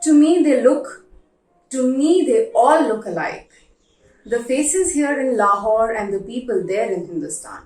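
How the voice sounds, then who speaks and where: Slow-reading woman in an echoey room. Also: a little high, animated, a little mellow. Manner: measured, pausing for emphasis. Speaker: reader of literary letters. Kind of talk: slow dramatic literary reading. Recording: roomy echo, distant from microphone.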